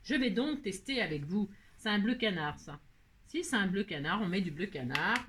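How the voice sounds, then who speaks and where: A woman's voice: mid-range voice, very noisy. A woman hosting a casual craft tutorial, chatty and playful, teasing herself and filling her talk with fillers. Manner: chatty, playful, self-mocking, many fillers. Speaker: crafting video host.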